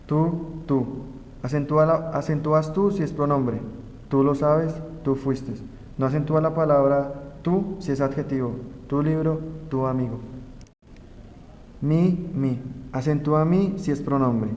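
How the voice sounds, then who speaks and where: A young man from Colombia reads out spelling rules and example words one by one, slow and deliberate like a class presentation. His voice carries a lingering reverb with a faint noise underneath. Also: fairly high pitch, fairly even intonation, a little mellow. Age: young adult. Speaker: student presenter. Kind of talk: reading a grammar tutorial.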